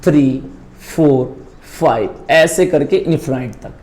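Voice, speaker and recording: A man teaching maths in a coaching class, explaining slowly and asking check questions again and again. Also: mid-range voice, darkish tone. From India. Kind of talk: classroom lesson at a whiteboard.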